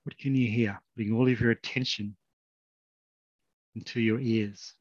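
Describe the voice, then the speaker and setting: A man leading a guided meditation in a slow, soft, calm way with long pauses. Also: mid-range voice, husky, no echo, dull audio.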